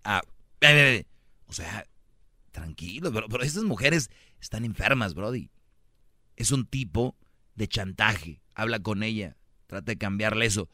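A man's voice: lowish voice, animated, moderate pace, fairly bright tone, no room sound, clean studio sound. A man with a Mexican Spanish accent hosting a comedic advice talk show, lecturing, joking and mimicking other people's voices. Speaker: radio show host.

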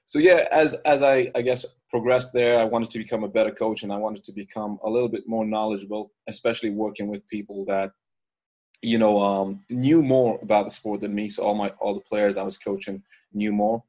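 A man, a basketball coach talking as a podcast guest in a relaxed, thoughtful way. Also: fairly low pitch, fairly quick. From Ireland. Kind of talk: casual podcast interview.

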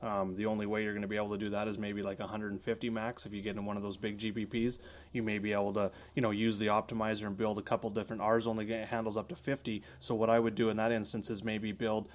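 A man's voice: lowish voice, fast. A man with a Canadian accent giving casual golf betting analysis, talking loosely with many fillers. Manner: relaxed, filler-heavy, thinks aloud. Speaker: fantasy golf analyst guest.

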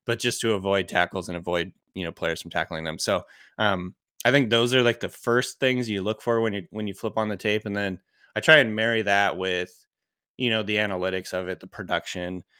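A man's voice: lowish voice, fairly even intonation, brisk, pushed and bright, smooth, no room sound, studio quality. A man talking casually as a podcast guest and analyst, informal, peppering his talk with "like" and "you know".

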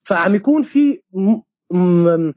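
Responding conversationally in an interview, a Syrian playwright and director from Homs speaks in a high, expressive, slightly mellow voice with a Syrian Arabic accent. He hesitates, restarts frequently and mixes in English, on a dull lo-fi recording with no room sound.

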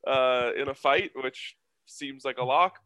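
Guy on a betting show, clear bright voice, chatting and doing loose ad reads. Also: medium pitch, unhurried, no room sound. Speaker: sports betting show co-host. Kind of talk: casual banter and ad reads.

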